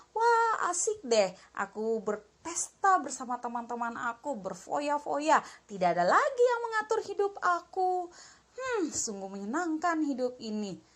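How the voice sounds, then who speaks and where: A woman playing a pleading runaway son. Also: a bit bright. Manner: tearful, high and pleading.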